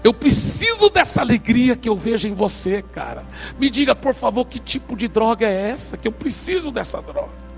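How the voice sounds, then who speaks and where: A man voicing a long-haired young stranger who pleads in a hushed, urgent voice. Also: extremely high pitch, very animated, moderate pace, vocal fry, soft background music, pitched above the performer's own voice, full character voice. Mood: pleading.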